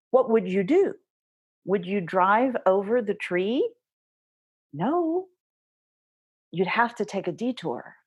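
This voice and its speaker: A woman giving gentle, reassuring instruction as a meditation guide, speaking directly to the listener in deliberate phrases. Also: mid-range voice, husky, muffled recording.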